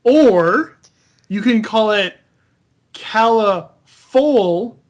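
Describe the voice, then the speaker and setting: A man's voice: high-pitched, normal speed, lo-fi sound. A man hosting an unscripted podcast critique, reading a character bio aloud and stopping to mock and correct it. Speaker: podcast host.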